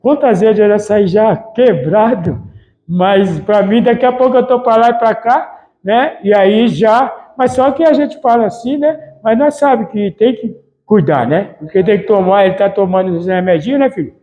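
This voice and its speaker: With a high, mellow voice at a moderate pace, a man preaches a relaxed, chatty sermon as a pastor, acting out everyday talk by imitating family members. The recording sounds muffled.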